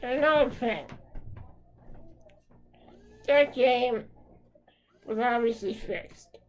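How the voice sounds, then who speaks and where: Angry woman fan, profane rant to camera, slow-paced, a bit high-pitched. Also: a little mellow, dull audio. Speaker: hockey fan.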